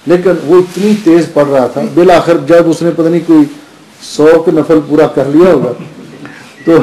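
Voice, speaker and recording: Male preacher, lively storyteller with frequent chuckles; warm dark tone in a reverberant room. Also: fairly high pitch. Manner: lively anecdotal telling, chuckles often. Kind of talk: storytelling sermon. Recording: roomy echoing lecture space.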